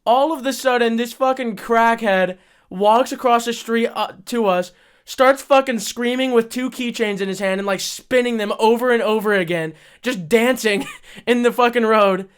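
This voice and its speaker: A man's voice: very high-pitched, moderate pace, clean tone. A young man telling a crude story in a casual podcast chat, laughing as he goes. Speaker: podcast host.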